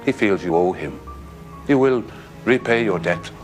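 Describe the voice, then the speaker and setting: A coldly polite sinister fixer. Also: male voice, low voice, unhurried, soft background music. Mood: coolly menacing. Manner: calm, formal, coldly polite. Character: cryptic menacing middle-aged male lawyer-fixer. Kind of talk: feature film dialogue.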